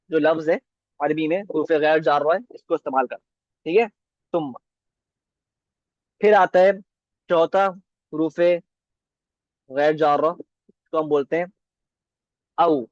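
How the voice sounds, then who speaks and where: A man's voice: on the high side, no room sound. A man teaching a beginner Arabic lesson, repeating each word and checking with his students as he goes. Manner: slow, repeats words and asks "ठीक है?". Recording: dull, dry lo-fi sound.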